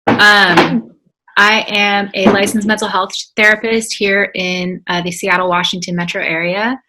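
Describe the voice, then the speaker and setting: Bright-voiced woman therapist on a call. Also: medium pitch, little pitch movement, a little slow, a little hiss or hum. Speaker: mental health therapist. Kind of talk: introducing herself on a video call. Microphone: video call.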